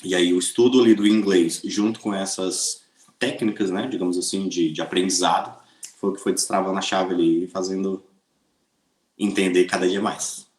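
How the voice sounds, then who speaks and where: A man's voice: low-pitched, normal speed. Chatty Brazilian man in a roomy space. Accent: Brazilian Portuguese. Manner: chatty, lively, with frequent hesitations. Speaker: interview guest. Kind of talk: casual storytelling. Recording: roomy echoey room.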